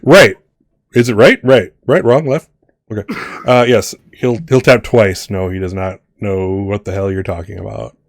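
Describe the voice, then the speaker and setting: A man's voice: lowish voice, steady tone, gravelly, a little mellow, dry recording, clean studio sound. Rambling man running a tabletop game. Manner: rambling, halting, many restarts. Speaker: game master.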